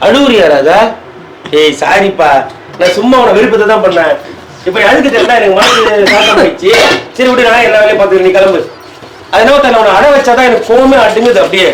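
A man goading his wife in a bickering prank skit, talking fast and nagging. His voice rings in a hard echoey kitchen. A clear hum of household noise sits under it. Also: high-pitched, a bit bright. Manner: teasing, needling, argumentative. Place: home kitchen.

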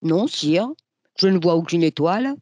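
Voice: mid-range voice, animated, moderate pace, warm tone, no echo, close to an everyday voice. A reader doing an anxious, pleading officer. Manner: pleading, cautious. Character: anxious loyal male chief of staff.

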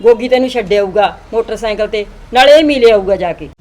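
A woman's voice: medium pitch, brisk, a little mellow, lightly acted. A woman playing a devoted, emotional married daughter who talks at length with her old mother in a family drama. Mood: affectionate. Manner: pleading, talkative.

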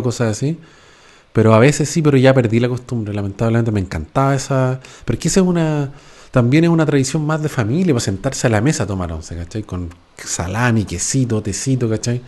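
A man's voice: mid-range voice, warm tone. Chilean man, 40s, podcast host at home, slangy, swears a lot, keeps asking the listener if they follow. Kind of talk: casual chat. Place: at home, indoors. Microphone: podcast microphone.

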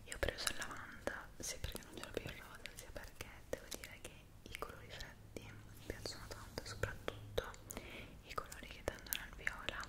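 Two close microphones, one on each side in front, pick up a young woman in her twenties whispering intimately. As an ASMR creator, she talks without hurry about her personal routine, quietly breaking off to search for words, inside a small room.

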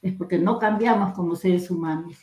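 A woman's voice: fairly low pitch, moderate pace, reverberant, poor audio. An older woman from Peru, a guest writer, telling her story in a casual interview and acting out the dialogue. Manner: retells her story with lively acted dialogue and laughs.

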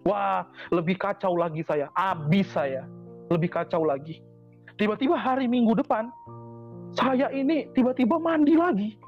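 A man's voice: high-pitched, moderate pace. A man giving a personal testimony to a congregation, speaking earnestly and repeating his phrases for emphasis. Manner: repetitive, earnest, heartfelt phrasing. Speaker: convert giving a church testimony. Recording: dull lo-fi recording with faint music.

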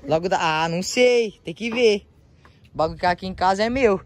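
A young man with a São Paulo Brazilian accent vlogs outdoors in a residential yard, holding his phone as he talks. His voice sits high and quick, and he chats casually and excitably in slang.

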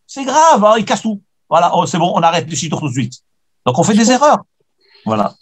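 High-voiced rabbi, emphatic. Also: male voice, big pitch swings, quick pace, slightly rough. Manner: emphatic, repeats key phrases, tells personal anecdotes. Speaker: rabbi teaching the weekly Torah portion. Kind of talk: Torah lesson answering questions.

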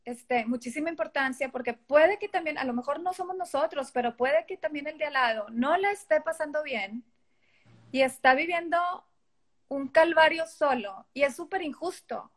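A woman's voice: high-pitched, expressive, normal speed, fairly bright tone. A middle-aged woman with a Mexican accent, a guest in a casual interview, talking animatedly and acting out quoted dialogue. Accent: Mexican Spanish.

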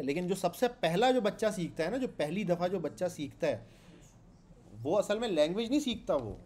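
Mellow-voiced Pakistani man teaching code. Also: fairly high pitch, slight background noise. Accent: Pakistani Urdu. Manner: conversational, asks the class questions and repeats points. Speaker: programming instructor. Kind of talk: classroom lecture. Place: classroom with students.

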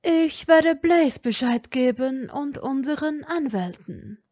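A woman voicing a cold aristocratic father who speaks calmly and measuredly, with quiet threat. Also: sits high, voice pushed up. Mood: cool. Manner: calm, measured, coolly threatening. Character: cold aristocratic older father, calm and controlled.

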